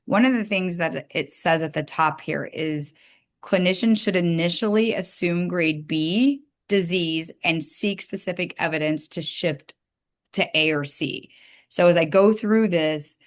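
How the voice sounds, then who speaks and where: A woman, a dental hygienist, giving a casual webinar lecture from her slides over a computer microphone, chatty and quick to apologize for slips. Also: lowish voice.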